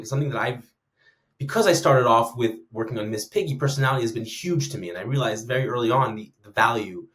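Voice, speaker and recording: A man in his thirties talking in an animated, rambling way, with many "like"s and restarts, in a casual podcast chat. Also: on the low side. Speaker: guest speaker on conversation design.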